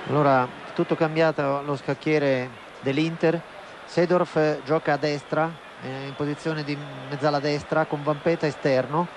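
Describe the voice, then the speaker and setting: A man working as a football co-commentator, explaining tactics live in measured, full sentences. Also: a little high, steady tone. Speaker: football co-commentator, former coach. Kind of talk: live tactical match analysis. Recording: very noisy outdoor stadium broadcast.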